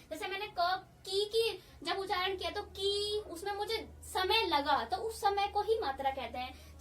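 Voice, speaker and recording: A woman teaching a grammar lesson, explaining slowly and patiently and repeating key points. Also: very high-pitched, fairly bright tone, recorded from a distance, a little hiss or hum. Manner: patient, repeats key points, often says "theek hai".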